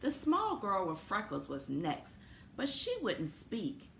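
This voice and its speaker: An elementary school principal reads a children's story aloud, deliberate and expressive, adding simple friendly asides for young listeners. Her voice is medium-pitched and gravelly, recorded in a roomy, echoing space with faint background noise.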